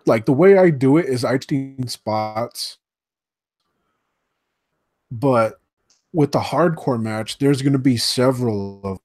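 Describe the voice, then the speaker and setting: A man's voice: medium pitch, a little mellow. Man on a choppy, dropping internet call. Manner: halting, with many restarts and fillers. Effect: choppy internet connection dropping words. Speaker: podcast co-host. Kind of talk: casual podcast chat. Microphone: USB desk mic over an online call.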